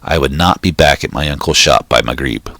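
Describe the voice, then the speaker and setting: A man with a very low, gravelly voice reads a short story aloud, steady and measured, with occasional slips. The recording is dry and close, with no echo or room sound.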